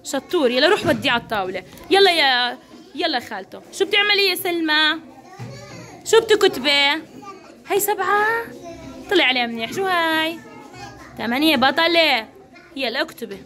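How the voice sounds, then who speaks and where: High-pitched encouraging Levantine woman teacher. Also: lively intonation, fairly quick, pauses often, sharp tone. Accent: Levantine Arabic. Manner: encouraging, coaxing, lots of praise. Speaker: kindergarten teacher. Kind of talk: classroom instruction to young children.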